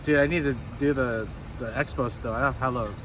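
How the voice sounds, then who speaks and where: A man's voice: mid-range voice, steady tone, noisy background. A young man bantering with a friend, swearing and joking casually. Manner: swearing, joking, quick to laugh. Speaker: friend and co-host. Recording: background music.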